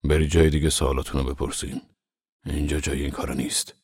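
A gruff, stubborn old man who grumbles and brushes people off, as a male audiobook reader voices him. The voice sits very low and sounds close and dry. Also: level tone, a little mellow, dry recording. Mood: curt dismissive. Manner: blunt, irritable, dismissive.

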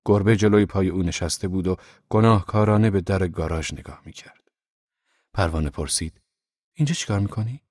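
Deep-voiced male audiobook narrator. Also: fairly even intonation, darkish tone, no room sound, clean studio sound. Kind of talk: scripted narration of a novel.

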